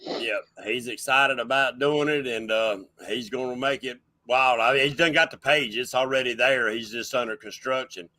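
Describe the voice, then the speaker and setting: A man's voice: mid-range voice, fairly even intonation, moderate pace, sharp tone, dry recording. A man hosting a casual livestream chat show, folksy and rambling as he welcomes people in. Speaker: show host.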